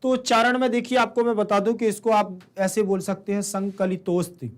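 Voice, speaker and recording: A man's voice: high voice, level tone, normal speed. A male teacher giving a classroom lecture, who asks his students questions and then answers them himself. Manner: calls listeners "beta".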